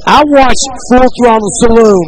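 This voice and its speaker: Lively high-voiced man bantering over a crowd. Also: moderate pace, low-quality recording. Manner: teasing, excitable banter. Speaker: radio show co-host. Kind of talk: casual on-air banter.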